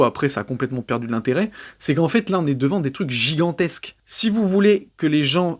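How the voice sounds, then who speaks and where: A young man giving a blunt, scathing film review in a casual monologue, full of fillers. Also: fairly high pitch. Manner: blunt and scathing, many fillers like genre and euh.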